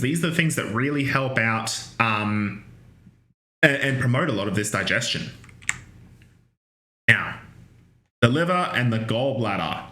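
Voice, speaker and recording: The clip features a big-room echo around a male university lecturer from Australia teaching anatomy. His medium-pitched voice is bright and forward, and he chats casually, breaking into fillers, starting over, and tossing in jokes.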